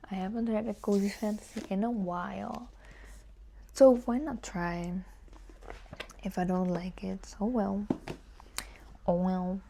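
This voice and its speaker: With a creaky, dark, medium-pitched voice, she muses hesitantly while answering tag questions in a relaxed chat to camera as a book vlogger. Slight noise can be heard in the background.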